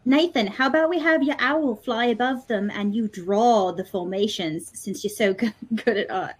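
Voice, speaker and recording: A woman's voice: a little high, moderate pace, breathy edge. A woman playing a tabletop game, talking casually in a practical, challenging way.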